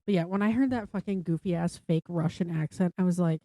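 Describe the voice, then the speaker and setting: A woman's voice: lowish voice, fast talker, mellow, no echo. A woman co-hosting a podcast in casual chat, swearing freely and saying "like" a lot. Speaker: podcast co-host.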